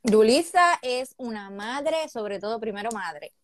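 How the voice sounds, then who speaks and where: A woman from Puerto Rico in her thirties with a Puerto Rican accent, a guest telling her life story in a casual interview, speaking softly and candidly with some hesitation. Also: on the high side, lively intonation, measured pace. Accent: Puerto Rican Spanish.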